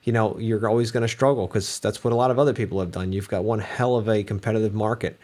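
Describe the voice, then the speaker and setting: A man's voice: on the low side, fairly even intonation, fast, darkish tone. A man co-hosting a podcast in casual chat, explaining his views plainly. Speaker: podcast co-host.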